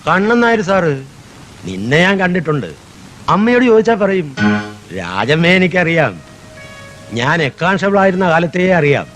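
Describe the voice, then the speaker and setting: An actor playing a mocking, leering older police constable who taunts with questions. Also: male voice, high voice, big pitch swings, normal speed, long pauses, fairly bright tone, faint music behind, low-quality recording. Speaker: police officer.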